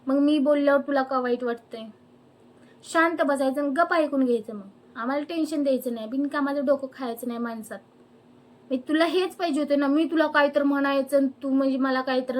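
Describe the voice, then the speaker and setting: A young woman ranting angrily to camera, firing off indignant rhetorical questions. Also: sits high. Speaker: vlogger. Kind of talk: angry personal rant to camera.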